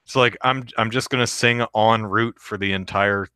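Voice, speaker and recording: A deep-voiced man hosts a live podcast, reading the chat aloud and rambling casually with plenty of fillers and restarts. His voice is pushed and bright at normal speed with fairly even intonation, and the sound is clean with no echo.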